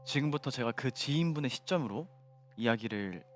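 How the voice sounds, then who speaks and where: A young man telling a ghost story to friends in polite, measured formal narration, as co-host of a show. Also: mid-range voice, expressive. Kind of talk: spoken storytelling among friends. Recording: music behind the voice.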